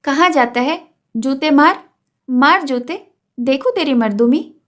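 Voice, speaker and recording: A woman reading aloud as a fierce village mother with a sharp, scolding tongue. The voice sits high and sounds heated in this storybook reading. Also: animated, slow. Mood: taunting.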